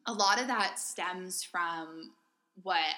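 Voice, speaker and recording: A woman's voice: on the low side, takes it slowly, pushed and bright. A woman co-hosting a podcast, explaining points methodically and often checking in with "right?". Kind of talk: casual academic discussion.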